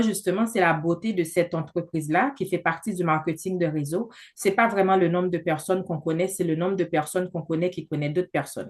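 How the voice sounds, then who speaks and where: On a video call, a woman in her thirties walks a group through a business presentation. She is not from Canada, and her voice sits a little low for a woman. Chatty and persuasive, she fills her sentences with hesitations.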